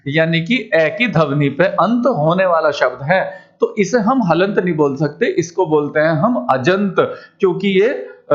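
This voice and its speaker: A man teaching a Hindi class who explains step by step and asks questions that he answers himself. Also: sits high. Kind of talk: classroom lesson. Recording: dull lo-fi recording.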